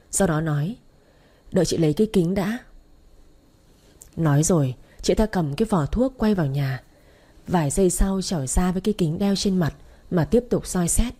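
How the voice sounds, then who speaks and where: A woman reading a story aloud in steady scripted narration, with faint music behind. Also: on the low side, normal speed. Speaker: audiobook narrator.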